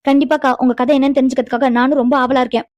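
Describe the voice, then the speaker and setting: A caring young woman in a cartoon, voiced by a woman reassures and gently questions. She talks fast in a high voice, recorded dry and close. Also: no room sound, lo-fi sound, natural voice. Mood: reassuring. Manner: reassuring, curious, lively. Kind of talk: animated cartoon dialogue.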